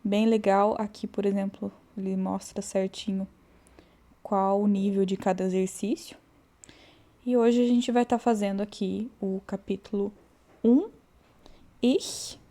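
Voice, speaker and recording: Woman, language teacher, warm mellow tone, patient, repeats words slowly, casual lesson. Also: mid-range voice. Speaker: German teacher. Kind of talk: relaxed online language lesson.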